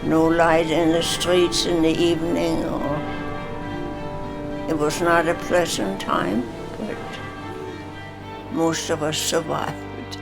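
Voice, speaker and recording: A woman's voice: deep voice, level tone, takes it slowly, pauses often, over loud music. A hundred-year-old woman from Denmark, plainly recalling her life in a documentary interview. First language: Danish. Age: 100s. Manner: plainspoken, matter-of-fact reminiscing.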